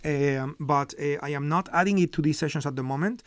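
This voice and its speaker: A middle-aged man runs a live trading lesson, giving market commentary and teaching step by step with lots of fillers and "okay?" check-ins. His voice sits on the high side and moves a little fast, with no echo.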